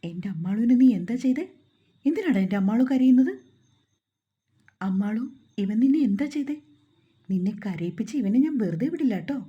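A woman's voice: mid-range voice, expressive, fairly quick, husky, muffled recording. A woman voicing a simple-minded young man, earnest and fiercely protective of his wife. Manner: earnest, angry.

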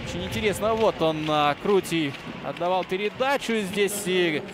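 High-pitched man making excited hockey goal calls. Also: normal speed, over music. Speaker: hockey commentator. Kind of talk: live ice hockey play-by-play commentary. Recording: very noisy arena, loud background ambience.

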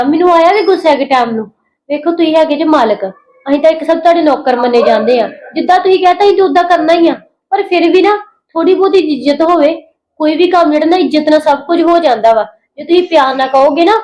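A woman plays a proud, hurt young housemaid in a family drama skit. She pleads earnestly in a high voice, with the words tumbling out quickly. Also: a little mellow, close to an everyday voice. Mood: aggrieved.

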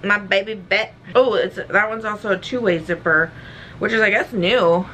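A woman's voice: mid-range voice, normal speed, fairly bright tone, a little hiss or hum. A young woman vlogging at home, chatting casually and rambling with lots of fillers, a little out of breath. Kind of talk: casual chat.

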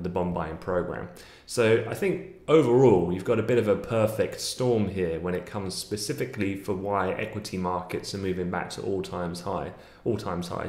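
A man's voice: sits low, a little mellow, echoey room. A man, giving fluent, analytical daily market commentary with frequent fillers from a small home office, recorded on a webcam at his desk.

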